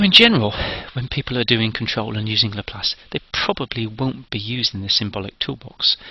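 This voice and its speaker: A man's voice: mid-range voice, gravelly, slightly rough, no echo, dull audio. A man giving a recorded engineering lecture, explaining each step methodically.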